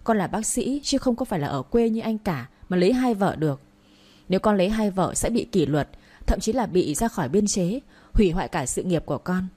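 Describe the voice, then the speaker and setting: A woman's voice: medium pitch, expressive, a little fast, warm tone, husky. A woman reading the part of a stubborn young man, a village doctor, insisting and pleading with his father. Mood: insistent.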